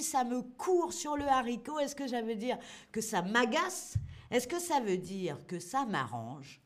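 A woman with a fairly high voice leads a live online language lesson. She talks slowly and playfully and keeps putting questions to her viewers. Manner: lively, playful, asks learners questions and answers chat. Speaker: French teacher.

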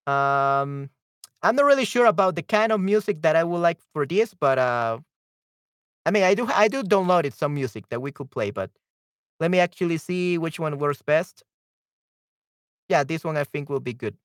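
At normal speed, a fairly high, animated, smooth male voice chats loosely on a livestream, thinking out loud and faltering a little while sorting out audio issues. The recording is dry and close-miked.

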